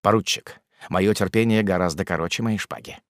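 A man's voice: deep voice, brisk, dry recording, studio quality, lightly acted. A man playing a haughty hot-tempered young nobleman. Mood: stern. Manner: haughty, commanding, thundering.

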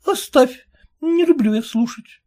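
A woman voicing a haughty, irritable young married woman in an audiobook, with a sharp, scornful manner. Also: high voice, animated, a little slow, voice pushed up. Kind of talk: audiobook reading.

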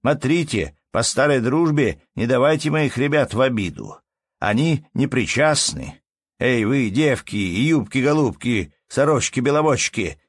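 A man voicing a defiant, jovial male peasant who calls out loudly and teasingly, reading a storybook. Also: medium pitch, big pitch swings, slow, dry recording, studio quality, voice pushed up. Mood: hearty shouting. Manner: loud, hearty, teasing calls.

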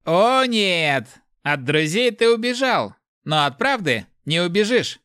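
Man doing a high, sneering male spirit, storybook villain, taunting and merciless. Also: big pitch swings, normal speed, bright, forceful tone, dry recording, clean studio sound, full character voice. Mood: mocking. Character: mocking male spirit voice inside a head.

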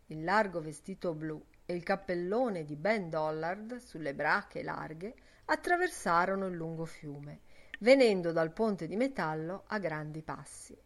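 A woman narrating a literary novel as an audiobook in a measured, even reading. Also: lowish voice.

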